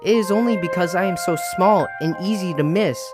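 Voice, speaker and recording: A man voicing a small, eager male flea in an animated storybook, talking in an earnest, chatty way. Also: high voice, a little fast, pitched above the performer's own voice, natural voice. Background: background music.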